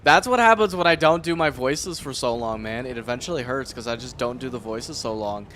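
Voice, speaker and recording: A young man streams casually, swearing and muttering as he works away at something. He speaks a little fast at medium pitch, expressive and slightly bright, with some faint background noise.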